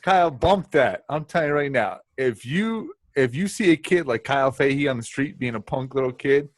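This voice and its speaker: A man's voice: mid-range voice, expressive, normal speed, dry recording, studio quality. A man co-hosting a casual sports podcast, ribbing the others and laughing often. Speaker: podcast co-host.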